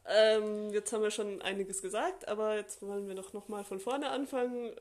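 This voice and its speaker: A young adult woman co-hosting a casual podcast, talking in a relaxed, chatty way with lots of fillers. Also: medium pitch, moderate pace. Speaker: podcast co-host.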